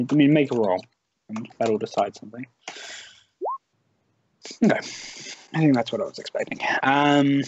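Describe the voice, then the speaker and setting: A man narrating as game master of a tabletop game in a casual, halting way full of "like" and "um". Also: medium pitch, highs cut off.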